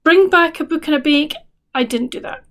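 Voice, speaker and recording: A woman's voice: high-pitched, moderate pace, fairly bright tone. A woman chatting casually as a book vlogger, rambling with restarts and fillers, sounding tired. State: tired, yawning. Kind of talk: casual chat to camera.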